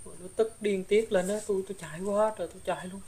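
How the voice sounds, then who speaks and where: A woman's voice: medium pitch, steady tone, very fast, mellow, a little hiss or hum, close to an everyday voice. Woman as a regretful young female ghost, southern Vietnamese accent, rambling, faint crickets behind. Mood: rueful telling. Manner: rambling storytelling with filler particles. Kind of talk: spirit possession drama.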